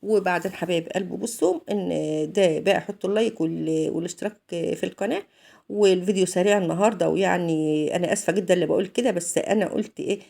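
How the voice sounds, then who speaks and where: An Egyptian woman in her thirties chats through a cooking vlog, her speech rambling and full of restarts. Her voice sits on the low side and carries a gravelly fry. Its tone is warm and mellow. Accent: Egyptian Arabic. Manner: rambling, halting, many restarts. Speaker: vlogger. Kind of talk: casual vlog chat while cooking.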